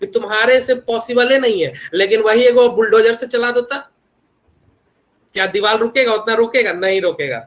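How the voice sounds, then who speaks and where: High-pitched young male lecturer a lilt, chatty teaching tone full of check-ins and homely examples. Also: fairly bright tone. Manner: repeats tag questions constantly, homely examples. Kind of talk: online engineering lecture.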